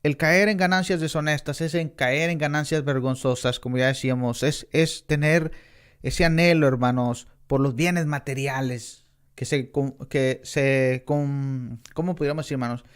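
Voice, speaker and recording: A man's voice: medium pitch, fairly even intonation, normal speed, clean tone. Man, middle-aged, earnest Bible class preacher, emphatic rises on key words. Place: church in Texas.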